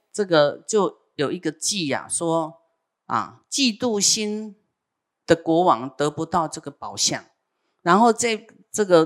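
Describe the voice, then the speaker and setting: A woman casually telling a Buddhist teaching story, chatty and full of fillers. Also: low-pitched.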